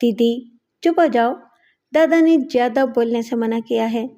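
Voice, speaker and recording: A woman's voice: a little high, mellow, lightly acted. A woman voicing a man who is an armed gang henchman, insistent and nagging.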